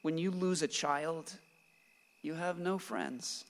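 Speaking slowly with a fairly high pitch, a man acts the part of a father consumed by grief and guilt who won't let go of his guns. The radio play has a stage-like feel, sorrowful and bitter, and echoes as if in a hall.

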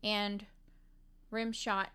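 Podcast co-host, woman, bright crisp voice, lively chatty delivery. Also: medium pitch, extremely slow. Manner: animated storytelling with laughter. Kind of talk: casual chat. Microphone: studio mic.

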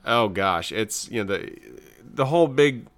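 A podcast co-host chats casually and bluntly about the shows and films he has been watching, using slangy, laid-back language. His lowish voice is animated and fairly bright, delivered a little slowly.

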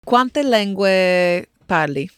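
A woman's voice: medium pitch, expressive, extremely slow, a bit bright, clear, resonant tone, dry recording, clean studio sound. A woman interviewer putting short questions to her guest.

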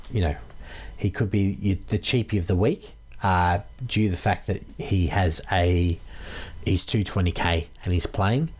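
A man co-hosting a casual fantasy sports podcast, giving his analysis in a conversational, tentative way. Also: fairly low pitch. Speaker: podcast co-host.

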